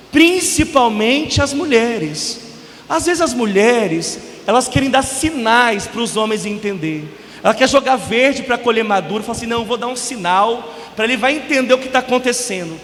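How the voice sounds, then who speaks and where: Brazilian priest, man, very high voice, emphatic sermon, long church reverb, faint hiss. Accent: Brazilian Portuguese. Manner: emphatic preaching, sudden loud bursts and soft drops. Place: large church.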